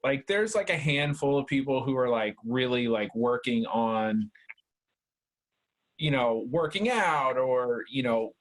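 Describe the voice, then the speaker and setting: This podcast co-host, a man in his thirties, speaks unhurriedly in a medium-pitched voice with lively intonation. His casual talk rambles, constantly peppered with "like," "dude" and plenty of swearing.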